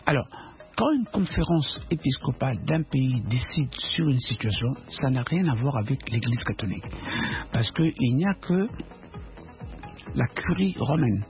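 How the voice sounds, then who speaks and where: A Congolese man from the Democratic Republic of the Congo, speaking with a Congolese French accent, appears as a guest in an argumentative political interview. His medium-pitched voice has lively intonation and a measured pace, and he's combative and emphatic, full of rhetorical questions, over dull lo-fi radio sound with faint music.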